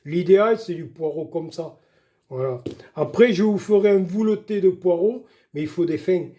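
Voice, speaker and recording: A man's voice: high-pitched, moderate pace, warm tone. An older man giving a chatty, folksy cooking demonstration in his home kitchen, talking viewers through each step. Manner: chatty, folksy, keeps saying "voilà" and "doucement". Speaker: home cook showing a recipe.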